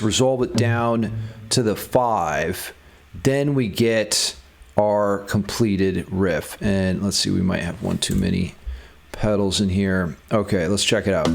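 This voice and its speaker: A guitar instructor with a lowish, creaky voice gives an informal music theory lesson, thinking aloud as he demonstrates. Electric guitar plays in the background.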